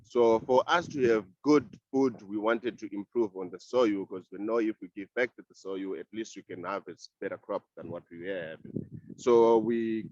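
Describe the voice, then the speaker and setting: A man speaking by phone from outdoors about a community compost project, halting and often restarting his words. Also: fairly low pitch, a little mellow, dry recording. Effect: heard over a phone call. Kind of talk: casual panel contribution. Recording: dull, dry phone audio.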